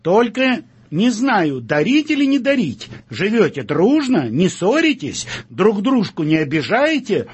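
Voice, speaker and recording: A man voicing God as a stern, booming hired holiday grandfather who draws out his questions slowly. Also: big pitch swings, husky, heavily acted. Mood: teasing. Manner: slow, drawn-out teasing interrogation.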